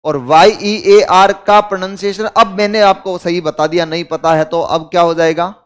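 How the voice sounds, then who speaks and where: High-voiced Indian man teaching a class. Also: steady tone, moderate pace, a bit bright, clean tone. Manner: explains with rhetorical questions to the class. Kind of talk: classroom lecture.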